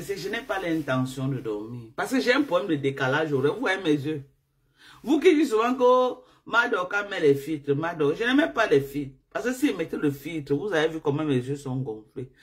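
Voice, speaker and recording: A woman live-streaming to her viewers, sleep-deprived from jet lag, who talks in an animated, repetitive way and keeps calling out to her audience. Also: fairly low pitch, moderate pace.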